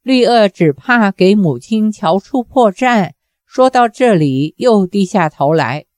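A woman reading a novel aloud as a measured, deliberate narrator. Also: mid-range voice, lively intonation, a little mellow, no room sound, clean studio sound. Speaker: audiobook reader.

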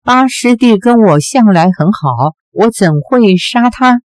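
A woman voicing an earnest, gentle young male swordsman who pleads and protests his innocence, read slowly. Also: on the high side, expressive, no room sound. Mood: pleading.

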